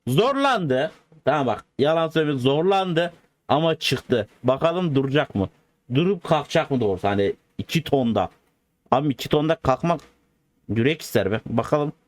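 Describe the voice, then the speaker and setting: A man with a slightly high voice talks through a driving game in loose, slangy commentary. He is excitable and joking, bantering with the viewers as he plays. He sounds like a video host chatting off the cuff. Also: moderate pace. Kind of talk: casual gameplay commentary.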